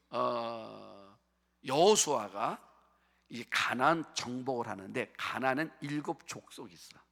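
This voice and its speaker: A man's voice: a little high, vocal fry, sharp tone. A male pastor preaching a sermon, asking the congregation questions and answering them himself. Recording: long hall reverb.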